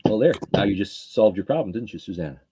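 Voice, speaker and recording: A woman's voice: very deep voice, animated, fast talker, background noise. A woman hosting a casual reseller livestream chat, teasing and chatty.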